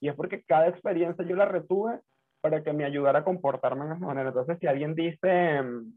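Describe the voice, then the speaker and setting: A man's voice: on the high side, fairly quick, narrow, tinny audio. A man reflecting on his own experiences and telling personal stories in a casual conversation. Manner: reflective, tells personal anecdotes.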